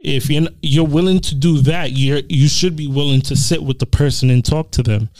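A man's voice: a little high, steady tone, moderate pace. A man co-hosting a podcast who argues his points and pushes back with pointed questions. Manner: argumentative, asks pointed questions. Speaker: podcast co-host. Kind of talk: casual podcast chat.

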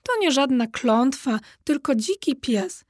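A woman reading the lines of a brave storybook boy in a calm, matter-of-fact way, close to her own voice. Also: high-pitched, a little slow, no room sound.

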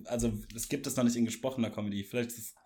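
A young man with a mid-range voice co-hosts a casual podcast. He sounds relaxed and teasing and keeps cutting in with quick remarks. His tone is easygoing and conversational. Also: mid-range voice. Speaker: podcast co-host. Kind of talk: casual chat.

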